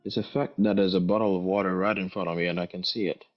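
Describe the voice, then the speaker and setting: Here the accented guest talks fast in a low, steady voice, still hesitant, repeating himself and thinking out loud while answering questions in relaxed conversation. The audio is dull and lo-fi, with music in the background.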